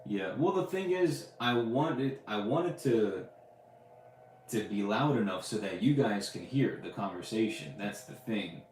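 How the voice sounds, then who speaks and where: Low-voiced guy hosting a live chat, kinda rambly, lots of ums, roomy echo. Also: lively intonation, a little slow, darkish tone, slight background noise. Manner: loose, rambling, many fillers and restarts. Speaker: podcast host answering live questions. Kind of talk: casual livestream chat.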